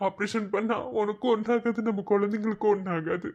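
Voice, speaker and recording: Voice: mid-range voice, steady tone, brisk, a little mellow, highs cut off, natural voice. A voice actor playing a frightened young husband who anxiously begs his wife to avoid pain. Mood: pleading. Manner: pleading, anxious, tearful. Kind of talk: cartoon voice acting.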